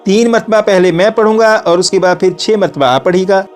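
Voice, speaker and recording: A man with a high voice teaches a recitation class at a calm, patient pace. He explains each rule, then sounds out the examples slowly and repeats each one three times for students to follow. Soft music plays faintly behind him. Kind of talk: step-by-step recitation lesson.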